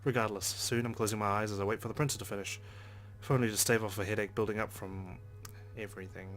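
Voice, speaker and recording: Here a let's play host narrates a visual novel expressively, adding offhand asides as game music plays underneath. He speaks quickly in a fairly low, steady voice.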